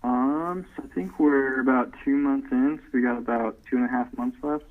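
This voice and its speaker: A man in his thirties, a guest in a casual interview, talking easygoingly with lots of "um" fillers over low-quality remote call audio. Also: steady tone, moderate pace. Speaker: podcast guest. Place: at home, away from the host. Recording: tinny phone-like remote line.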